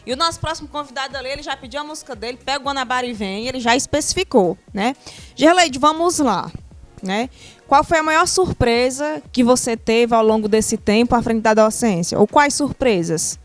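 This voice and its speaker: A woman's voice: high-pitched, animated, brisk, faint music behind. A young woman, hosting a TV talk show in a playful, upbeat way and asking guiding questions. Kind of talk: casual studio interview.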